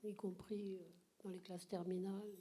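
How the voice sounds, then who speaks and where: A woman from the audience asks a question with admiring enthusiasm. Her voice is mellow and sits in a middle pitch. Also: flat delivery, moderate pace, slightly rough. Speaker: audience member asking a question. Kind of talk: question from the floor.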